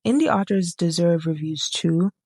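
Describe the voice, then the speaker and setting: A woman's voice: on the low side, moderate pace, dark tone, husky, no room sound, studio quality. A woman book reviewer chatting casually to camera, rambling, getting sidetracked and correcting herself as she goes.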